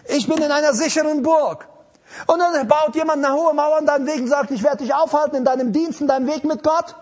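A man's voice: high-pitched, breathy edge. A man preaching an emphatic sermon to a congregation and repeating his key lines. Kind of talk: live sermon.

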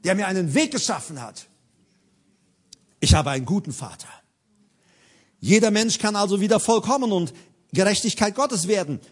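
Male preacher, high voice with wide swings in pitch, delivers a sermon with emphatic, repeated phrases. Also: expressive, normal speed, long pauses.

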